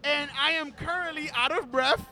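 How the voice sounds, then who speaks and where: High-voiced Bronx man telling stories. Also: moderate pace, pushed and bright. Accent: New York. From the Bronx, New York. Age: 30s. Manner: loose, profane storytelling with laughter. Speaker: podcast host. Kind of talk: casual chat.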